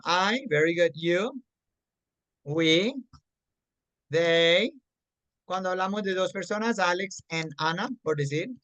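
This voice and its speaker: A Colombian-accented English teacher giving an online grammar class at an unhurried pace, patient and checking understanding often. English words are dropped into the Spanish explanation. The recording is dry and close. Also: mid-range voice, dry recording, muffled recording.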